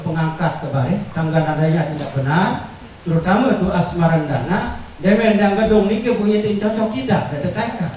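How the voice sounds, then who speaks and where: A man teaching a workshop on traditional verse, explaining slowly with many fillers and repeated words. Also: on the high side, darkish tone, a little hiss or hum. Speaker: workshop instructor. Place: workshop room. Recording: echoey room, far from the mic.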